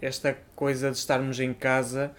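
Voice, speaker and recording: A young man chats as a podcast co-host. He has a mid-pitched voice and a casual, dryly teasing way of talking. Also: completely flat delivery, moderate pace, a loud crowd. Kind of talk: casual chat.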